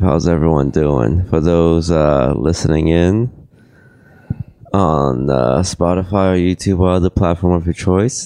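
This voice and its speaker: A hungover man hosting a live podcast from a convention, laid-back and halting with fillers. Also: very deep voice, creaky, dark tone, dry recording. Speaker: podcast host. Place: at a gaming convention.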